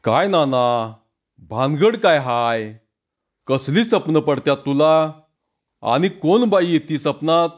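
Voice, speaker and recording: A man voicing a gruff, bossy village strongman who talks bluntly and gives orders. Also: a little high, expressive, slow, highs cut off. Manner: blunt, commanding.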